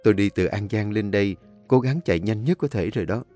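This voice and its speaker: A man's voice: lowish voice, fast talker, warm tone, faint music behind, natural voice. A man voicing a middle-aged woman who speaks in a tearful, choked voice. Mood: guarded.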